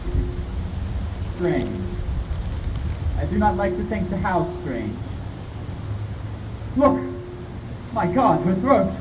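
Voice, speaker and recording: A man's voice: high voice, sing-song, takes it slowly, pauses often, heavily acted. A man playing Van Helsing, a grave old professor. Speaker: community theatre actor. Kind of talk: live 1930s-style radio play reading. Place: outdoor stage, constant wind. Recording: echoey, windy outdoor stage from far off.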